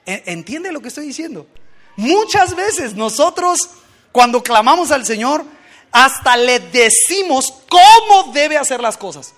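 Male preacher, very high voice, animated sermon delivery, acts out voices, heavy on rhetorical questions. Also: measured pace.

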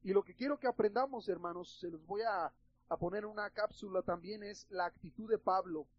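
A male pastor with a Mexican Spanish accent delivers an emphatic, chatty sermon in a high, husky voice. He keeps turning to the congregation and calling them brothers. The recording is slightly dull and lo-fi. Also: fairly quick. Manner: emphatic, conversational, addresses listeners as brothers.

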